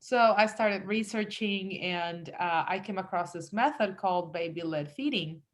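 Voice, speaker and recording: This guest, a woman in her thirties from El Salvador, chats about her business in a casual interview, using lots of fillers and self-quotes. Her voice sits on the low side, and she keeps a moderate pace.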